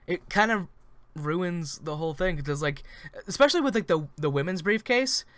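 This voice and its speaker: A man co-hosting a casual wrestling recap podcast, joking sarcastically and laughing easily between halting restarts. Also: sits high, expressive, fairly bright tone, dry recording. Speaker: podcast co-host.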